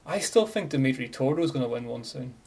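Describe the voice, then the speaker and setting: Male podcast host, gravelly creaky voice, casual sports chat. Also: mid-range voice, animated, fairly quick, a little mellow.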